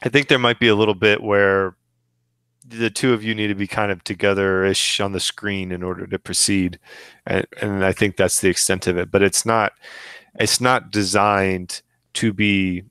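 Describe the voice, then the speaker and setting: A man in his thirties on a gaming podcast, talking casually with frequent pauses, restarts and fillers. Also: low-pitched, smooth, no room sound. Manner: hesitant, many restarts and fillers, relaxed. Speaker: podcast co-host.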